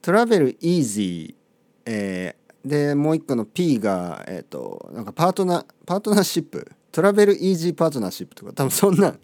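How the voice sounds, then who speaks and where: A man's voice: a little high, wildly swooping pitch, a little fast, a little mellow, no room sound. A middle-aged man talking casually in a playful, amused monologue. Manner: chatty, playful, amused asides.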